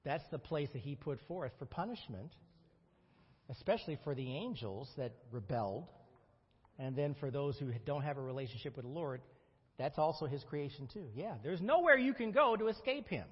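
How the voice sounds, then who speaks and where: Lively husky man teaching Bible class. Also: a little high, normal speed. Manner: lively, conversational, questions the class. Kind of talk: leading a group Bible study. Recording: dull audio with long room reverb.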